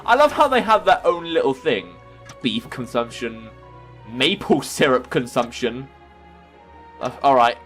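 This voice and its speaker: A man's voice: a little high, a bit bright. A man giving casual let's-play commentary, rambling, laughing and thinking aloud as he plays. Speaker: gaming video host.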